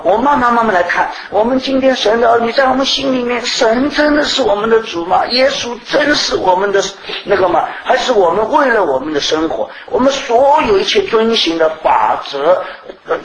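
Middle-aged woman preacher, earnest and repetitive, higher-pitched delivery, echoey room. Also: lively intonation, a little fast, few pauses. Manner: earnest, full of rhetorical questions and repetition. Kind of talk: sermon. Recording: roomy echo.

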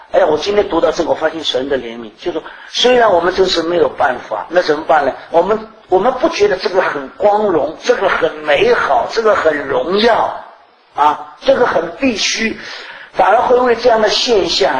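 A middle-aged woman preaching a sermon in an earnest way, often asking rhetorical questions and repeating herself. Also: low-pitched. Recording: roomy echo.

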